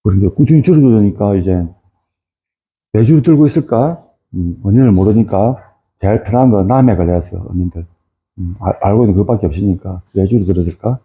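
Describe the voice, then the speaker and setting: A man's voice: lowish voice, fairly quick. A middle-aged man giving an informal lecture on fisheries, rambling with many fillers and tag questions. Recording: tinny phone-like audio.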